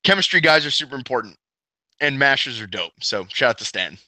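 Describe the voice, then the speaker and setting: Bright, dry-sounding laid-back podcast guy. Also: medium pitch, lively intonation, a little fast, no echo, poor audio. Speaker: podcast co-host. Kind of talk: casual sports podcast chat.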